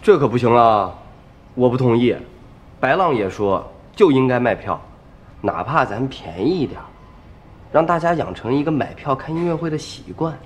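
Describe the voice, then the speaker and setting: A man's voice: mid-range voice, expressive, normal speed, slight background noise, lightly acted. A man acting in a TV drama, speaking firmly and insistently as a music troupe organizer. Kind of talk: TV drama dialogue.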